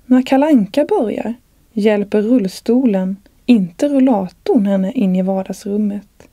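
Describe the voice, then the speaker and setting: A woman, the author, reading aloud from her own novel in a calm, measured way. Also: mid-range voice, no room sound.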